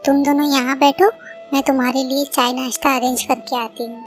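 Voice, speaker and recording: A woman's voice: high voice, level tone, brisk, faint music behind, lightly acted. A woman voicing an arrogant, rude young female bird in a cartoon, talking in a bossy, snapping way. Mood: haughty.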